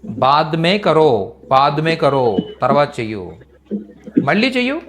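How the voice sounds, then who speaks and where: A man's voice: a little high, sing-song, a little slow, a crowd in the background. A man teaching in a live online language class, repeating each phrase patiently for students. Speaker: Hindi teacher.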